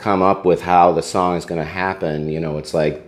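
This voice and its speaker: A man who is a musician chatting casually as a guest, telling stories in a relaxed, rambling way with plenty of fillers. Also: low voice, moderate pace. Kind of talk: casual chat.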